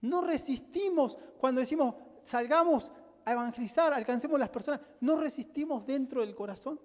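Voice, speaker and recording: A man's voice: extremely high pitch, normal speed. A male pastor with a Rioplatense Spanish accent preaching a sermon, emphatic and full of rhetorical questions to the congregation. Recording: long hall reverb.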